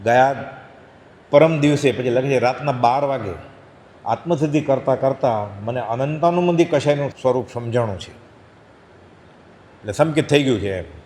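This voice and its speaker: Male speaker, devotional sermon, storytelling with acted voices, reverberant hall, mid pitch. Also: moderate pace, pauses often, a little mellow, a little hiss or hum. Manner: acts out voices of the lions in the parable. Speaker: spiritual speaker.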